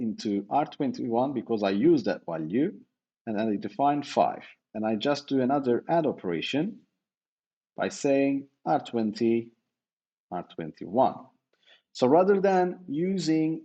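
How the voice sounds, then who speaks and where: Slow, lively-pitched male lecturer. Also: highs cut off. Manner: slow, explaining step by step with fillers and self-corrections. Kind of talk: university lecture.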